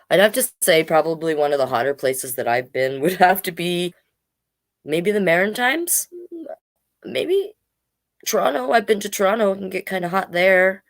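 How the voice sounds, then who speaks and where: A low-pitched middle-aged woman hosts a livestream storytime as a drag king, chatting casually, reading children's books, and poking playful fun at herself. The recording is dry.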